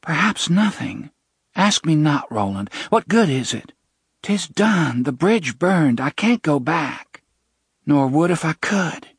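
A man's voice: fairly high pitch, very animated, slow pace, slightly rough, no echo, studio quality, voice pushed up, exaggerated voice. A man voicing a tearful yet defiant young woman who speaks in old-fashioned phrasing. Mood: pleading.

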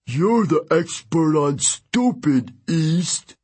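A scoffing, bearded river god in rags and seaweed, as an audiobook reader plays him. His raised, husky voice sounds taunting. He speaks slowly and moves his pitch around a lot. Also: lively intonation, darkish tone, heavily acted.

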